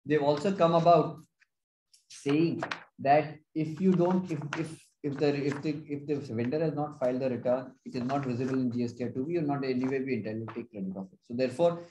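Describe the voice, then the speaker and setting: A man's voice: mid-range voice, brisk, dark tone, a little hiss or hum. Indian-accented man presenting, in an echoey room. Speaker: tax consultant presenting a webinar. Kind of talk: explanatory webinar presentation. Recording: roomy, echoing webinar audio.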